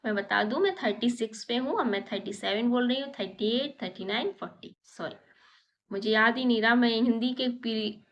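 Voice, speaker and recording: A woman teacher patiently walking young children through a lesson, counting slowly and repeating her questions. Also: a little high, lo-fi sound.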